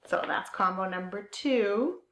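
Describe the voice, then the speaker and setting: A woman's voice: mid-range voice, unhurried, a bit bright. A woman hosting a knitting podcast, chatting casually and eagerly as she shows her things, with fillers and trailing thoughts. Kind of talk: casual show-and-tell chat. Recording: roomy echo.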